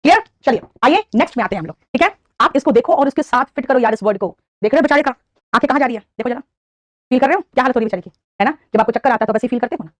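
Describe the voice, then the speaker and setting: Fast, high-pitched Indian woman teacher, calls students beta, quizzes and praises, dry close sound. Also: animated, no room sound. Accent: Indian English. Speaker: English vocabulary teacher. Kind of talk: online live class, Hindi mixed with English.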